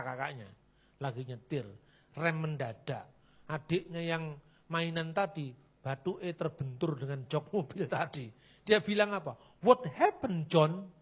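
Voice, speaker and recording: Blunt high-voiced man lecturing. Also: fairly bright tone. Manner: blunt, mocking and joking, acting out quoted people. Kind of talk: lively lecture with anecdotes.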